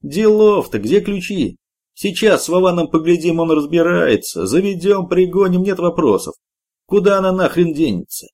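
A man's voice: sits high, animated, normal speed, darkish tone, voice pushed up. A man doing a brash, cocky young workman. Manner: brash, slangy, breezy.

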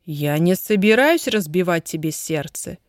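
A woman voicing a wealthy young husband, ardent but guarded, in a slow, low, even delivery. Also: no room sound, close to an everyday voice. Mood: low, measured.

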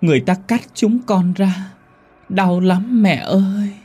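A man voicing the ghost of an abandoned small child, pleading slowly in a high, plaintive wail. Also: a little mellow, slightly rough, soft background music. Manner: slow, plaintive, wailing.

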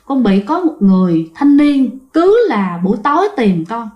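Woman playing a scared young daughter, soft pleading voice, roomy echo. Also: fairly high pitch, sing-song, moderate pace.

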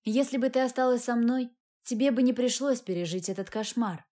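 Lady reading a bitter ex boyfriend, reproachful, on the high side. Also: fairly even intonation, brisk, mellow, lightly acted. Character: young man, rejected ex-lover, bitter.

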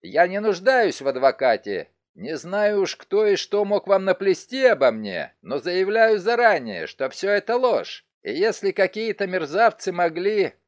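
A man playing a shrill, indignant suspect. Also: a little slow, few pauses, no echo. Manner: excited, protesting, mocking. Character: indignant, shrill middle-aged male suspect.

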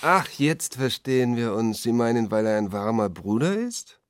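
A man's voice: medium pitch, animated, moderate pace, no room sound, close to an everyday voice. Man doing a smug, mocking newspaper editor. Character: amused, condescending middle-aged male newspaper editor.

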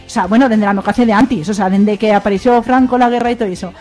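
A woman's voice: mid-range voice, fairly even intonation, quick pace, darkish tone, soft background music. A woman with an Aragonese accent, talking on a radio panel in a rambling, emphatic way. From Aragón. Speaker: radio show guest. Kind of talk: casual roundtable chat.

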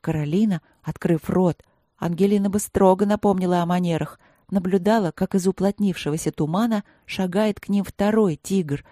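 Audiobook reader, even measured fantasy narration, dark voice, dead dry room. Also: medium pitch, no echo.

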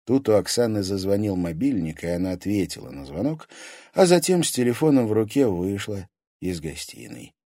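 A man narrating an audiobook in an even storytelling manner. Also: lowish voice, normal speed, no room sound, studio quality. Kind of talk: scripted narration.

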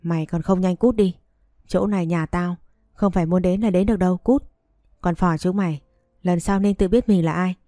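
A woman reading the lines of a sharp-tongued pregnant young wife, cold and cutting. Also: fairly low pitch, steady tone, moderate pace, dry recording, clean studio sound, close to an everyday voice. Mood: cold, scornful.

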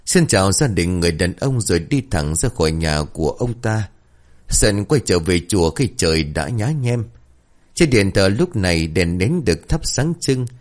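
Deep-voiced male storyteller. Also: normal speed. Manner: steady, expressive storytelling. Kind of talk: scripted story narration.

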